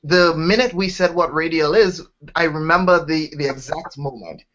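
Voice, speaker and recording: The interview guest, a young Trinidadian startup founder, has a fairly high, slightly bright voice and speaks at normal speed with a Trinidadian accent. He tells his startup story with eagerness, often restarting sentences, in a casual chat recorded with dull lo-fi sound.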